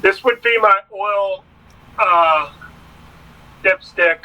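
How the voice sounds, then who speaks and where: A man's voice: high-pitched, extremely slow, sharp tone. A man chats casually as a learner, asking questions and confirming what he is told, on a muffled recording. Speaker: boat owner being taught. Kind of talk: casual question-and-answer chat. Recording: dull, muffled lo-fi sound.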